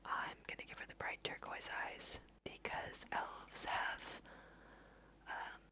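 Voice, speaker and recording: Her soft whispers carry ASMR game commentary; she's a let's play host who thinks out loud at a leisurely pace, guiding listeners through her playthrough.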